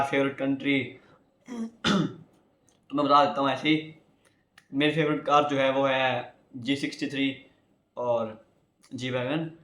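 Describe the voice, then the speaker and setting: A young man from India chats on about himself in a loose, rambling way, often turning to his viewers. His voice sits a little high for a man. The room around him rings with echo. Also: a bit bright. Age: young adult. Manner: chatty, rambling, addresses viewers as guys. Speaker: YouTuber. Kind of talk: casual vlog talk.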